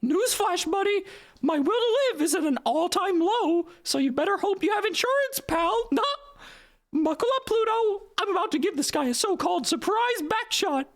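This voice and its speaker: A voice actor putting on a foul-mouthed cartoon mouse with road rage, in a squeaky falsetto, ranting with exasperated sarcasm and drawn-out words. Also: expressive. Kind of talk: cartoon character parody.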